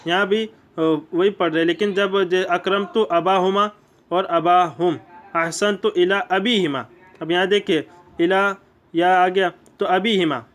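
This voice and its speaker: A man with an Urdu accent giving a grammar lesson, explaining step by step and repeating key points. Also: high voice. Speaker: teacher. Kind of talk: classroom lecture.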